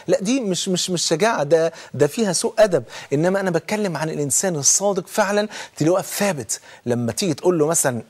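Fast-talking Egyptian preacher man. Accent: Egyptian Arabic. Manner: fervent, storytelling, dips low and soft for quotes. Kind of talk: sermon.

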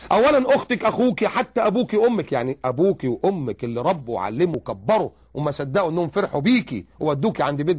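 A man with an Egyptian accent giving religious advice, animated and full of rhetorical questions. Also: high-pitched. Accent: Egyptian Arabic. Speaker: preacher.

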